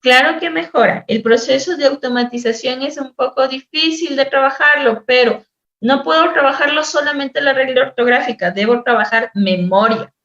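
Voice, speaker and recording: A woman's voice: sits high, a bit bright. Woman teacher explaining in an echoey room. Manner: explanatory, repeats words, exaggerates sounds slowly as examples. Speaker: teacher-therapist. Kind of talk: lecture on spelling intervention. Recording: echoey room, dull lo-fi sound.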